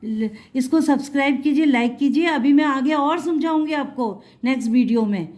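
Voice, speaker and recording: A woman teaching Hindi spelling to children in a video lesson, patiently repeating words slowly and asking quick check questions. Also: high voice, a little mellow.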